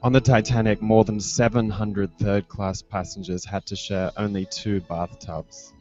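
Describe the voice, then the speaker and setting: Unhurried and level, with a darkish tone on the low side, a young man reads experimental fiction aloud at a festival. He speaks close into a handheld microphone indoors, and the live online stream is dull and lo-fi, with a music soundscape prominent behind him.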